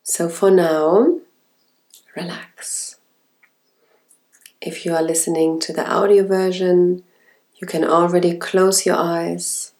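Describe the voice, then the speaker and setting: A woman speaking as an intimate ASMR relaxation guide, soft, soothing and sensual. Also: on the low side, flat delivery. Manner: slow, soft, sensual, soothing delivery with breathy whispered words.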